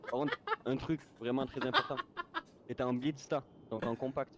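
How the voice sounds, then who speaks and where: In a very noisy, dull lo-fi voice chat, a man with a mid-range voice moderates an online roleplay game at normal speed. As server staff, he explains things casually but insistently, often repeating words.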